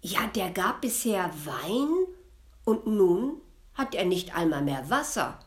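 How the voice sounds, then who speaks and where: A woman's voice: mid-range voice, very animated, slow. A woman voicing a shrewd, sly old grandmother in a spoken fairy tale, talking in a coaxing, soothing way.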